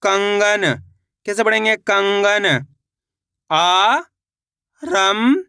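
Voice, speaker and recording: A man's voice: high voice, steady tone, normal speed, pushed and bright, dry recording, clean studio sound. A man teaching Hindi reading, sounding out each word syllable by syllable and repeating it, encouraging his viewers. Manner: encouraging, addresses viewers as friends. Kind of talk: slow spelled-out reading lesson.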